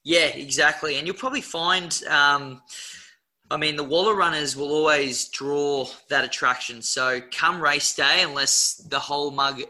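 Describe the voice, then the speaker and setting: An Australian man with a very bright, forward voice pitched a little high. He talks through a racing preview as a co-host, casual and blokey, with plenty of slang. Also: unhurried, poor audio. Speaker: horse racing tipster and co-host.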